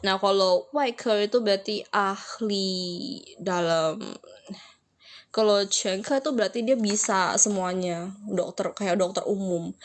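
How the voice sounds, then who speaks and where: Young woman, Mandarin tutor, casual chatty live lesson, slows for example phrases. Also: medium pitch.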